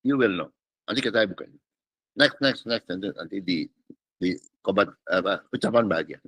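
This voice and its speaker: A man preaching a casual teaching sermon as a pastor. He talks in lively colloquial bursts and keeps checking whether listeners follow. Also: fairly low pitch, normal speed, slightly rough, no echo. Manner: animated, colloquial, peppered with English words and "ngerti nggak?".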